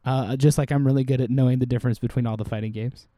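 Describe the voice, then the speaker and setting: A man co-hosting a podcast in easy casual chat. His voice is dark and mellow, recorded dry and close on a desk mic. He jokes around and laughs a lot. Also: medium pitch, fairly even intonation, very fast, dry recording. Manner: joking, laughs often. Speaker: podcast co-host. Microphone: desk microphone.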